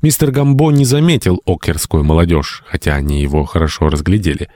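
Deep-voiced man narrating an audiobook. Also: warm tone, dry recording. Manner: measured, storytelling. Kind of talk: scripted narration.

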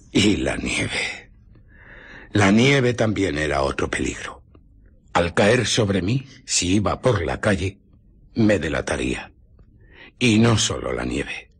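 Griffin the Invisible Man, husky and brooding. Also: low voice, full character voice. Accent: Castilian Spanish. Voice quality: husky, rough. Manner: dramatic, brooding, with heavy pauses. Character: Griffin, bitter invisible male scientist on the run. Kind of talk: Spanish radio drama acting, recounting his ordeal.

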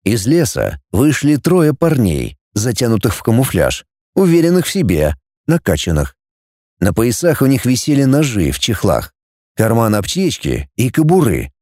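A man reading an adventure story aloud as narrator, lifting his pitch for each character's lines. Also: wildly swooping pitch, normal speed, a little mellow, no room sound, clean studio sound. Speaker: audiobook narrator. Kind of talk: scripted narration.

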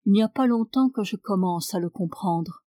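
A woman reading a gentle wise nobleman. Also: mid-range voice, moderate pace, no echo, lightly acted. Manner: soft, gentle delivery.

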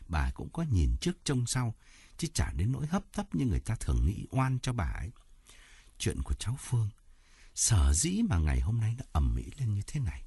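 A man voicing a stern teacher who speaks clearly and deliberately, as if lecturing a pupil. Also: low voice, dark tone, dry recording, heavily acted. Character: precise, stern male teacher acting as mediator.

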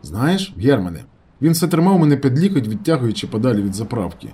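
A man reading a novel aloud in calm, measured first-person narration. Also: mid-range voice, breathy edge. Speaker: audiobook narrator.

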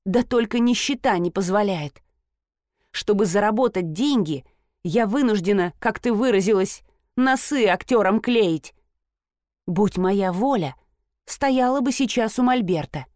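A woman's voice: medium pitch, lively intonation, unhurried, darkish tone, dry recording, studio quality, lightly acted. A woman voicing a frustrated grown daughter, an artist who squeals and pleads in a tense, strained voice.

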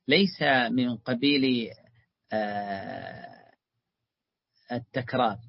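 A man's voice: fairly high pitch, gravelly, husky, no room sound, dull audio. A man teaching a religious lesson, explaining a text and calling his students his beloved ones.

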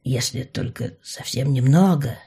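A woman's voice: a bass voice, a little slow, gravelly, warm tone, husky, full character voice. A woman voicing a sly, mocking young male mage who drawls and teases. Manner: drawling, teasing.

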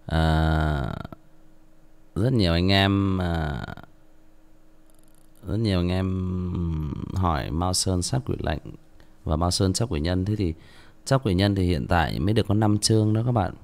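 A man's voice: deep voice, measured pace, long pauses, a little mellow. A male audiobook narrator, tired, reading a story and then chatting casually with many restarts.

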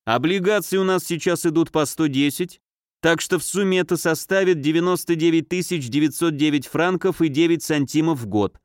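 A man's voice: a little high, a little fast, clear, resonant tone, no room sound, voice pushed up, natural voice. A man voicing a calculating, sour clerk who makes dry remarks.

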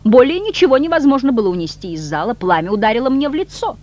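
A reader voicing an excitable, boastful male cat-demon in a high, theatrical voice. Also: quick pace, muffled recording, close to an everyday voice. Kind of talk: audiobook reading.

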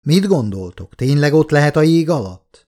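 A man's voice: a little high, sing-song, dark tone, voice pushed up. A male audiobook reader voicing a young woman environmentalist who asks curious, direct questions. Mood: frank.

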